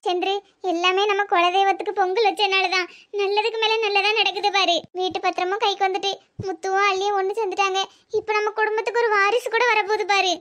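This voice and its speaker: Woman voicing a fretful old grandmother, cartoon, Tirunelveli Tamil accent, very high pinched voice, doting. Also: level tone, fast talker, fairly bright tone. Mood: pleased. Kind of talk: cartoon voice acting.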